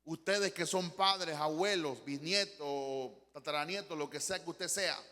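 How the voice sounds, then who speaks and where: A male pastor with a Panamanian Spanish accent delivers an impassioned sermon in a high, bright, forceful voice. He acts out little quoted exchanges as he preaches. His voice rings through a hall with a long reverb. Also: a little slow.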